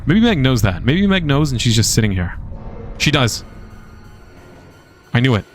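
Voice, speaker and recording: A man streaming a video game and commentating live, casual and excitable, swearing freely. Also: mid-range voice, normal speed, faint music behind.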